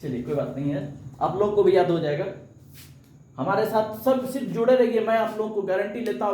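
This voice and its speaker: A man's voice: high voice, darkish tone, reverberant, low-quality recording. A man teaching a live coaching lesson. He asks questions and answers them himself, and sometimes chants verses.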